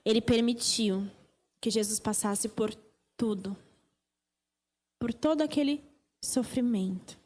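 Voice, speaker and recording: Uma mulher com sotaque brasileiro prega num culto de igreja, enfática e repetindo frases para dar ênfase. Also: female voice, a little high, takes it slowly, long pauses, darkish tone. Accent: Brazilian Portuguese. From Brazil. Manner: emphatic, repeating phrases for stress. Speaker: preacher. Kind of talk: sermon. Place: church service.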